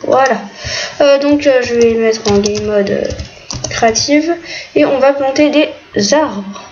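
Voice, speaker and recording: A woman's voice: high-pitched, slow, a little mellow. A woman giving casual, hesitant commentary while playing a game, with many fillers. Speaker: gaming video creator. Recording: muffled lo-fi mic, faint noise, keyboard clicks.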